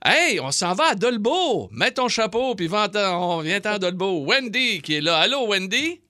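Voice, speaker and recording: Exuberant Québécois radio host. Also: male voice, sits high, very animated, sharp tone, dry recording, clean studio sound. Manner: exuberant, teasing, quick to laugh. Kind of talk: radio comedy banter.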